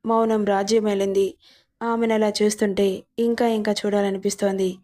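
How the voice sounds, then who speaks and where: A woman narrating a serialized romance story in a steady, unhurried reading. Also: medium pitch.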